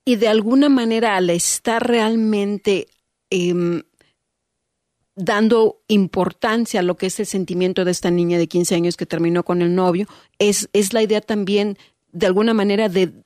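A woman's voice: mid-range voice, fairly even intonation, moderate pace, darkish tone, no echo, clean studio sound. A woman hosting a conversation, reflective and relating things to her own family. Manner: reflective, shares personal examples. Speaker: host. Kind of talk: interview chat.

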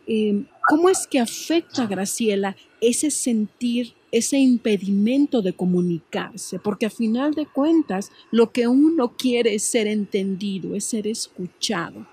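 A woman hosting a talk show panel, calmly putting questions to her guests. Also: a little high, unhurried, few pauses, breathy edge, no echo. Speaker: host.

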